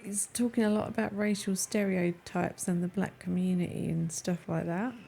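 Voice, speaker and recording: A woman's voice: lowish voice, fairly even intonation, normal speed, creaky, mellow, a little hiss or hum. A woman chatting casually with friends as she streams a game.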